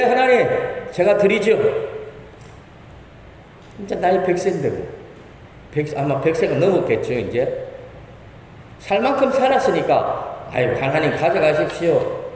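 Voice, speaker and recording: A man's voice: high voice, a little mellow. A male pastor preaching a sermon to his congregation, impassioned and driving his points home with rhetorical questions. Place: church sanctuary. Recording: echoey church hall reverb, faint room noise.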